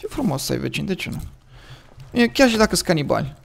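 A man with a Romanian accent chatting casually as he plays and thinks aloud, his voice a little hoarse from the early morning. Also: on the high side, big pitch swings. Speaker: gaming commentator. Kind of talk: casual gameplay commentary.

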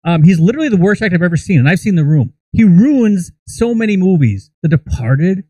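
In a small indoor podcast studio, an American co-host in his thirties sits close to the microphone and delivers crude, profane, opinionated comic commentary on movies. His high, expressive voice is dark in tone and fairly quick; the low-quality recording has no echo.

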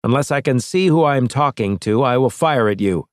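A man voicing a bold male starship captain who talks forcefully, quickly and with sarcasm in an audiobook. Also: mid-range voice, lively intonation, no echo, studio quality, voice pushed up, lightly acted. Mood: commanding. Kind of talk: audiobook character voice.

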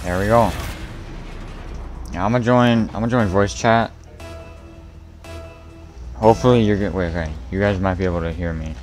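A man's voice: deep voice, fairly even intonation, moderate pace, pauses often, a little mellow, faint music behind. Giggly, slangy male game streamer. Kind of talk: casual gameplay commentary.

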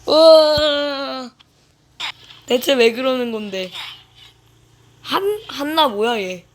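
A woman's voice: on the high side, big pitch swings, slow, a little hiss or hum. A woman giving casual, playful commentary to herself while playing a video game. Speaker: gaming YouTuber.

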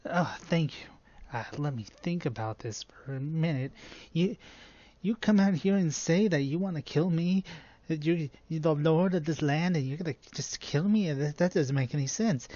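Woman doing a meek lil goblin in a cartoon, lowish voice, hesitant and exasperated, dry sound. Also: mellow, no room sound, dull audio. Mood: bemused, exasperated. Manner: hesitant, halting, conversational.

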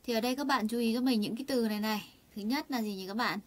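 A woman leads an online Korean lesson in a chatty, unhurried way, filling pauses and tossing rhetorical questions to her students. She sounds out each word slowly so learners can repeat it, in a fairly high voice. Keyboard typing can be heard in the background. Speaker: Korean language teacher. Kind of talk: online lesson explaining vocabulary and grammar.

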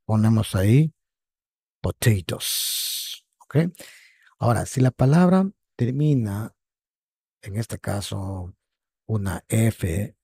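A man teaching an online English lesson at an unhurried pace. His low voice is gravelly and husky. He patiently repeats words and keeps checking in with his students, recorded close and dry. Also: mellow, no echo. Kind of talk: online lesson explaining grammar.

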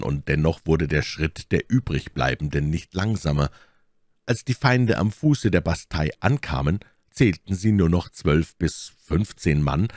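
Deep-voiced male audiobook reader. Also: dry recording, studio quality. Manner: lively, acting out each character. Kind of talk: audiobook narration.

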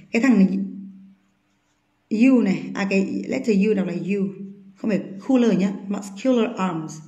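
A woman's voice: mid-range voice, darkish tone, reverberant. Woman teaching English vocabulary. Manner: reads English sentences slowly, explains quickly in Vietnamese; asks students frequent check questions. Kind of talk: online English vocabulary lesson.

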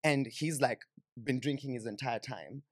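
A young adult man with a Kenyan accent, a guest on a podcast, tells personal stories informally in a medium-pitched voice at a moderate pace, saying "like" and "you know" a lot. He sits on a sofa in a small indoor podcast studio, close to a studio microphone on a boom arm. The recording is dry and studio quality.

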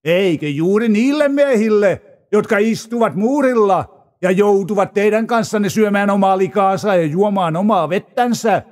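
A man's voice: high voice, darkish tone, pitched above the performer's own voice, lightly acted. A man reading the part of a boastful male envoy of a conquering king, with a taunting, declamatory delivery. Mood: proclaiming. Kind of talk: dramatized scripture reading.

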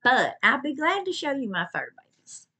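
A female vlogger reviews her shopping haul to the camera at home, pets close by, gushing and saying things more than once in a casual chat. She speaks at normal speed in a high, very animated, bright voice with a forceful tone and a breathy edge.

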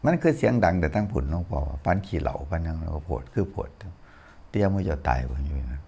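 A man's voice: very deep voice, animated, quick pace, creaky, dark tone, husky. An older man, a Buddhist monk, giving a casual, folksy sermon full of anecdotes and chuckles. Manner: chatty, folksy, chuckles while telling stories.

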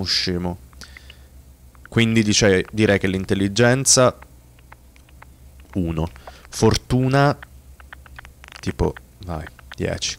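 A man's voice: low-pitched, creaky, a bit bright. A man doing casual, joking let's-play commentary, rambling with restarts. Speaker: gaming youtuber.

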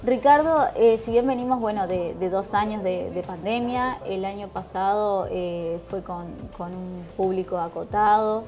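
A woman hosting, asking a guest interview questions at an indoor stand on a handheld mic, encouraging and quick to agree. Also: mid-range voice, darkish tone, muffled recording, soft background music. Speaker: interviewer and host.

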